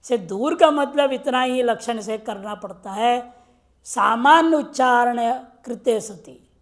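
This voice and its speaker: A woman with a somewhat high voice gives a grammar lecture. She poses questions to her class and slows right down to chant the Sanskrit rules word by word.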